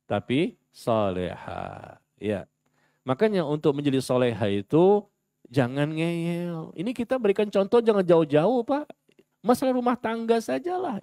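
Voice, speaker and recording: A man preaches in a mosque with a fairly high voice and dry, close sound. He is lively and theatrical, playing out the voices he quotes. He questions the congregation directly. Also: dry recording. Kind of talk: sermon.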